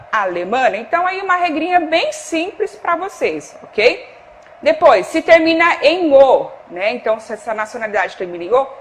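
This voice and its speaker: A woman with a Brazilian Portuguese accent teaching a televised Spanish lesson. She checks in with the class often and gives cues to a producer off camera. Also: high voice.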